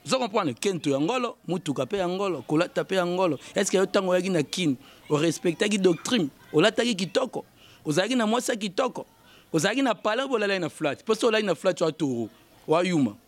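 A man's voice: sits high, animated, fast talker. A man giving emphatic commentary, repeating phrases and chanting fillers. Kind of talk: animated commentary mixing Lingala and French.

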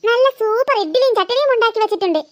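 A woman's voice: very high voice, animated, very fast, no room sound. A woman voicing a harried cartoon mother who scolds her bickering daughters. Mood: scolding. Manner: scolding, exasperated, sighing.

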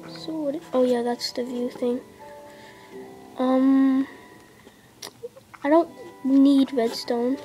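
Sitting at a table indoors, a young girl narrates her mobile gameplay casually, rambling with plenty of fillers and slipping into half-whispers. Her voice sits high and mellow, and the audio is poor, captured by a device camera filming a handheld screen.

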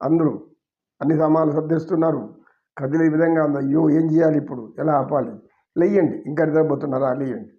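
A man's voice: on the high side, steady tone, brisk. A man giving a devotional story discourse, retelling it in an emotive, dramatic, pleading way. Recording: dull lo-fi recording.

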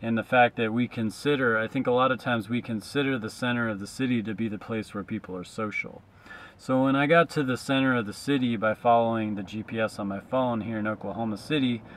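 A traveling street musician in his thirties muses aloud from inside his car to a dashboard camera, a loose, reflective vlog monologue full of fillers. His voice is mid-range, a little fast, and fairly bright.

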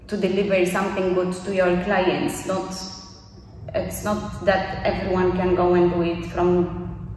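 A Bulgarian woman in her thirties, a non-native English speaker with a Bulgarian accent, gives an earnest interview testimonial as a course graduate, full of fillers and repetitions. Her fairly low, slightly mellow voice is completely flat and measured in pace. A distant camera mic in an echoey room catches her along with slight background noise.

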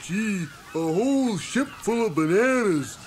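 Very high, eager cartoon horse. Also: male voice, expressive, measured pace, a little hiss or hum. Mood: gleeful. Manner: childlike, eager, exclaiming. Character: cheerful, simple, banana-loving male cartoon horse. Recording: music behind, 1980s radio play.

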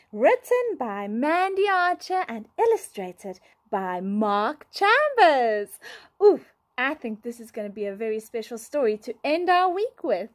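Slow, expressive woman reading a storybook. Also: sits high. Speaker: teacher reading aloud.

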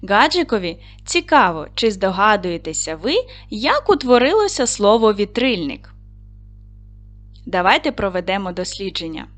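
Lively, encouraging woman teaching children. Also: medium pitch, moderate pace, soft background music. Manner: encouraging, patient, addresses children warmly. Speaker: primary school teacher. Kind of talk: recorded online lesson for second graders.

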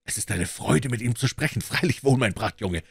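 A man's voice: mid-range voice, animated, fairly quick, slightly rough, dry recording. A man voicing an overjoyed old male miser, exclaiming giddily in a storybook reading. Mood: eager. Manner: exclaiming, breathless and giddy.

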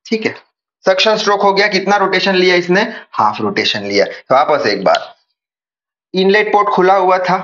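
A man's voice: sits high, very animated, normal speed, fairly bright tone, muffled recording. A young man teaching an engineering class, asking questions and answering them himself, often repeating the key points. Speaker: engineering tutor. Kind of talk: whiteboard lecture.

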